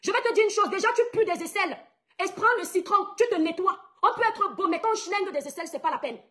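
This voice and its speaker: A woman's voice: very high-pitched, fast, fairly bright tone. A young woman from Cameroon, a blogger, ranting indignantly at her followers, mocking her rivals and repeating her points for emphasis. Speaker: online blogger. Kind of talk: angry rant to followers.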